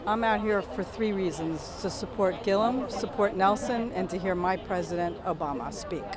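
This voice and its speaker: A woman from Miami speaks confidently and matter-of-factly in a street interview. Her pitch is average for a woman. A loud crowd surrounds her outdoors. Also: normal speed. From Miami, Florida. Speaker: voter at a rally. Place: outdoors at an election event.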